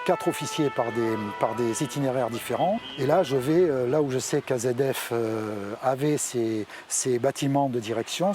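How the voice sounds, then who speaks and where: A male fire officer recounts what he witnessed in a mid-range voice. His phrasing is halting, with words repeated as he goes. Faint ambient vehicle noise sits behind him. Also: mid-range voice, a little mellow. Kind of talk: recounting a testimony.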